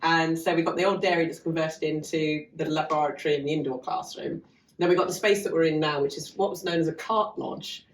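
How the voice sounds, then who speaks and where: A woman's voice: low-pitched, steady tone, a little fast, slight background noise. A woman guest on a casual podcast, chatty and rambling with self-deprecating asides, talking about her farm. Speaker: guest running a farm learning hub. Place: half-open converted cart lodge on a farm. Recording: echoey room, mic at a distance.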